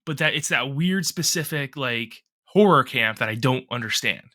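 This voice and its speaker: A man co-hosting a casual podcast, rambling and swearing through animated rants, still a bit congested from a cough. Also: mid-range voice, moderate pace. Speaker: podcast co-host.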